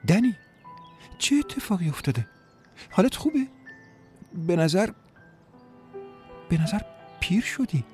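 A man's voice: big pitch swings, pauses often, soft background music. A man voicing a tearful, pleading young woman. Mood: bewildered, sad. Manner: high, soft, pleading.

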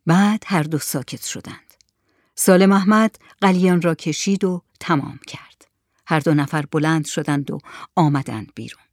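A storyteller reading a story aloud in a measured, even way. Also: mid-range voice, dry recording, studio quality. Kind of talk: scripted narration of a story.

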